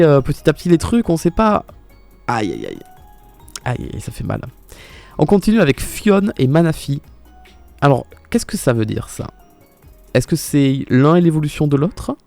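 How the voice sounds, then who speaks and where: A man's voice: fairly high pitch, expressive, fairly quick, a little mellow, soft background music. A young man streaming live in casual commentary, exclaiming often and talking back to his viewers' chat.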